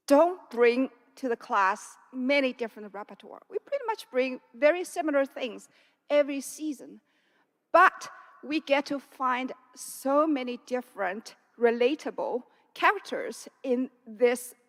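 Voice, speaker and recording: A woman from a string quartet speaks in a high voice, taking her time as she chats and explains. She reads out a run of titles one by one. Her words trail off in the long echo of a large church. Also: fairly bright tone. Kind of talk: introducing pieces at a concert talk. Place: church sanctuary.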